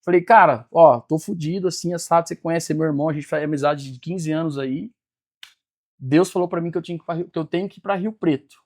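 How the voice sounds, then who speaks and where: A man's voice: on the high side, fast talker. A man, telling his life story as a podcast guest and acting out the dialogue. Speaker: guest, business mentor. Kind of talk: personal storytelling in a podcast interview.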